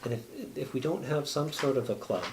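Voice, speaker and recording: A man's voice: medium pitch, lively intonation, normal speed, noisy background. A man explaining a bylaw at a council meeting, talking in a rambling, earnest way with folksy sayings.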